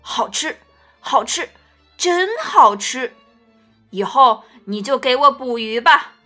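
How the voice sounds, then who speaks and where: A woman's voice: high voice, sing-song, slow pace, bright, forceful tone, breathy edge, soft background music, full character voice. A woman voicing a big, hungry male T. rex in a picture-book read-aloud, blunt and hesitant. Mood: gruff, gentle.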